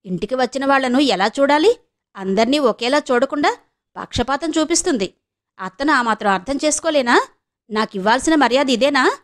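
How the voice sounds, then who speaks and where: A woman voicing a spiteful old mother-in-law who scolds and complains loudly in a harsh manner. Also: sits high, normal speed, pauses often, natural voice. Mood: angry complaining. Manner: harsh, shouting, bitter.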